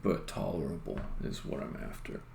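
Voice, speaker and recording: At normal speed and with a slightly mellow voice, a man streams himself game programming from an indoor computer setup, thinking aloud in brief, informal mutterings. Keyboard clicks, faint background noise and a roomy echo fill the recording.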